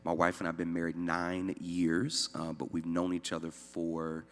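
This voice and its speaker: This man in his thirties is a young adult pastor from Syracuse in upstate New York, with a deep voice, a completely flat delivery and a normal pace. He's easygoing and joking, full of "uh" fillers and self-deprecating humor, as he gives a personal testimony in a church room with long hall reverb.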